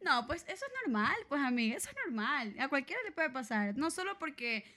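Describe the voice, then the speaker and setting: Young female co-host, high voice, chatty and animated. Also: brisk. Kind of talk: casual chat.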